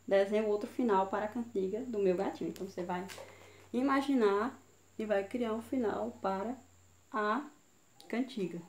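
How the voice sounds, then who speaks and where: A woman with a Brazilian Portuguese accent giving a children's video lesson, spelling out syllables slowly. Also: mid-range voice, a little mellow. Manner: slow, syllable-by-syllable teaching. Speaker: teacher. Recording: echoey room, voice from far off, faint hiss.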